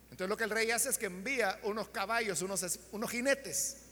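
High, bright-voiced preacher man in a hall. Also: a little fast. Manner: dramatic, shouts out the characters' lines. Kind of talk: sermon storytelling.

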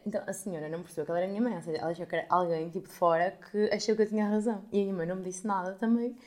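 Young woman, European Portuguese accent, casual podcast storytelling, swears a lot, dark voice, rapid delivery. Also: mid-range voice. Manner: animated, swears freely, acts out quoted people. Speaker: podcast host.

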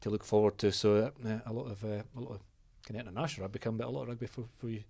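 A man's voice: lowish voice, steady tone, very fast, gravelly, mellow, no echo. A middle-aged Scottish man hosting a podcast, chatty and teasing, asking question after question. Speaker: podcast host. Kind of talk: casual chat.

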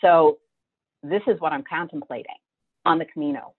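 A woman's voice: low-pitched, normal speed, breathy edge. A middle-aged woman telling her own story as a guest, vivid and emotional, acting out what she thought back then. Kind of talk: personal storytelling. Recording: tinny phone-like line.

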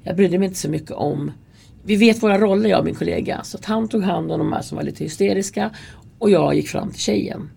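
Woman guest, gravelly low voice, mellow tone, candid storyteller. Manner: candid, earnest, acts out quoted dialogue. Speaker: interview guest, subway security worker. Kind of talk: casual conversational storytelling.

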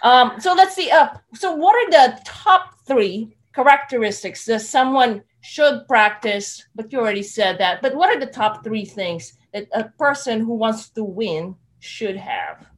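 A chatty woman with a fairly high voice hosts a live interview. She asks her questions eagerly and laughs easily. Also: animated, unhurried, few pauses. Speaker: live show host.

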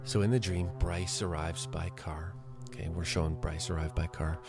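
A man's voice: deep voice, steady tone, moderate pace. A man hosting a podcast, retelling an old crime episode scene by scene with wry, sarcastic asides. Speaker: podcast host. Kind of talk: casual episode recap. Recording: loud music behind the voice.

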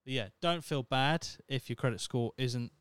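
A thirty-year-old podcast host rambles alone on the mic, wry and self-mocking, with lots of swearing. His mid-range voice is clear and resonant, moves at normal speed, and has no echo.

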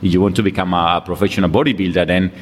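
At a gym, a Colombian fitness coach guests on a laid-back interview, chatting in Colombian Spanish–accented English and laughing often. His low voice is steady in tone but very fast. The audio has long reverb and faint background noise.

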